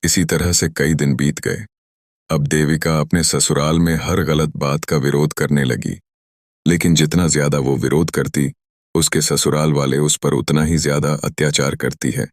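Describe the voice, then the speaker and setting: A man with an extremely deep voice tells a family cartoon story. His delivery is dramatic but even, the tone of a storyteller. The recording is close and dry, with no room sound. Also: moderate pace, dry recording. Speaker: narrator.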